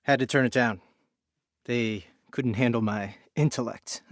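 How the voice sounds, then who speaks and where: A man's voice: mid-range voice, unhurried, no echo, close to an everyday voice. A man playing a cocky teen boy with a dry voice. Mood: teasing.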